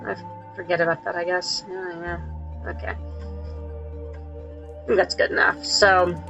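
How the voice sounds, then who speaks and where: A streamer talking through a live gameplay session with a voice digitally pitched up like a chipmunk, rambling and correcting themselves with frequent laughs. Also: little pitch movement, takes it slowly, creaky, bright, forceful tone, highs cut off, faint music behind. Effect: pitched-up chipmunk-like voice filter.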